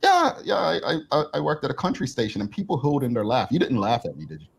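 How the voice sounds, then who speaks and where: A man's voice: mid-range voice, wildly swooping pitch, quick pace, gravelly, slightly rough. A man co-hosting a casual talk show, chatty and joking with his guest.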